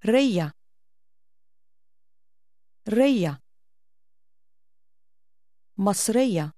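A woman's voice: medium pitch, lively intonation, very slow, mellow, no room sound, studio quality. Egyptian Arabic woman modelling drill phrases. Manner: careful, clearly articulated repetitions. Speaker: native speaker model in a language course. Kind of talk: scripted pronunciation drill.

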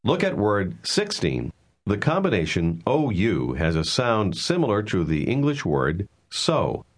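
This man's fairly low voice swings dramatically in pitch as he narrates a language course from a script. He reads out numbered words and walks through how letters are pronounced, teaching in a clear, measured way.

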